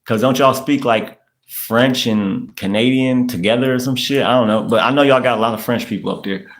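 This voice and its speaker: Talking fairly quickly in a medium pitch, this US man in his thirties hosts a laid-back livestream, reading out comments. The podcast host's chatter is loose, repetitive, and full of street slang.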